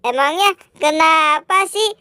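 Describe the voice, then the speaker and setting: A performer voicing a calm young boy friend in a clown skit, with a soothing, mildly scolding manner. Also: very high-pitched, measured pace, background noise, voice pushed down. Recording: loud music bed under voice.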